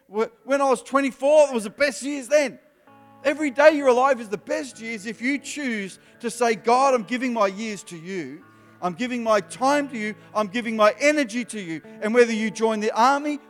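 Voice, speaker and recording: A man in his fifties preaching an emphatic sermon to young people, his voice rising in animated bursts. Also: very high-pitched. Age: 50s. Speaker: youth preacher. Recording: live hall with long reverb, soft music behind.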